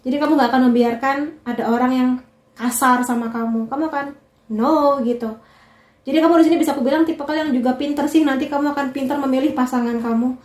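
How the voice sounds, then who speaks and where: A woman with a high voice gives a relaxed tarot reading and talks straight to the listener in a chatty, reassuring way. Her voice rings a little in an echoey room. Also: quick pace. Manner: chatty and reassuring, addresses the viewer directly. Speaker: tarot reader. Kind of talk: casual tarot reading to viewers.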